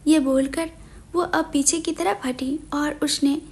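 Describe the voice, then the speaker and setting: Woman, story narrator, high voice, even delivery, scripted audio romance. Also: slow pace.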